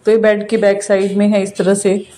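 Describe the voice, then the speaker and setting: With a warm, medium-pitched voice and a completely flat delivery at a moderate pace, a woman in her thirties gives a casual home tour. The vlogger strolls through her rented apartment, pointing out the rooms as she talks.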